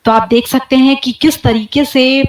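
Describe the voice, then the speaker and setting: A woman with a fairly high voice gives a webinar lecture from an echoey room over a video call. She demonstrates each sound aloud in a slow, clear teaching manner. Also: fairly even intonation. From India. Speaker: guest lecturer.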